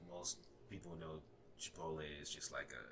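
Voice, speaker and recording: Speaking as a podcast guest, a Ghanaian man in his twenties who speaks Ga natively talks hesitantly, with many fillers and restarts, in a casual conversation. He has a slight Ghanaian accent and a rumbling low, creaky voice at normal speed, against background noise.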